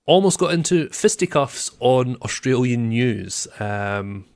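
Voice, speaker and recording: A man's voice: medium pitch, expressive, a little slow, a little mellow. A man co-hosting a podcast, chatting casually in a rambling way, with many fillers and restarts. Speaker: podcast co-host.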